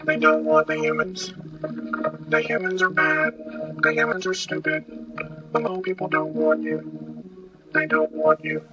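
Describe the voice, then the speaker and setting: A man voicing an eerie male messenger who gives flat, whispery, repetitive warnings, on a dull lo-fi recording. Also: on the high side, measured pace, gravelly, pauses often, loud music behind the voice. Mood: ominous.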